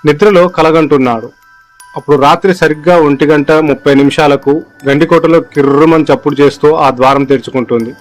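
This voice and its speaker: A man's voice: on the high side, steady tone, fairly quick, soft background music. A man reading a scripted horror story aloud as narrator, voicing the characters' lines in his own voice.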